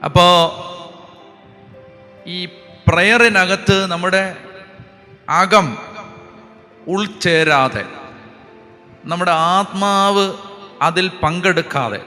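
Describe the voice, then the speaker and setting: Bright-voiced priest preaching. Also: male voice, high-pitched, drawn-out words, pauses often. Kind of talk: sermon. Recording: long hall reverb with faint music behind.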